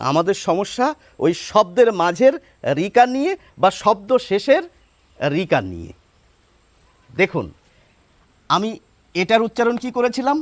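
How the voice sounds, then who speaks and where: A man giving a spoken lesson on pronunciation, spelling words out slowly step by step and asking rhetorical questions. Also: high-pitched, no room sound. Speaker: Bengali pronunciation teacher.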